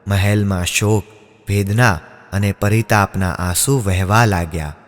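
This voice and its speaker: Low-voiced solemn male narrator. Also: fairly even intonation. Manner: measured, solemn storytelling. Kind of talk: scripted story narration. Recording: long reverb, music underneath.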